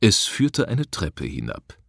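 Deep-voiced male audiobook narrator. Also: wildly swooping pitch, slow pace, gravelly, husky, no echo, studio quality. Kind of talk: scripted narration.

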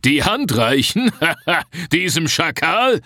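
A hulking giant wrestler sneers and hisses his threats, as a man reading the story puts him on. The voice sits well above the reader's own, lively and scornful. The sound is dry and close. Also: medium pitch, moderate pace, no echo, voice pushed up.

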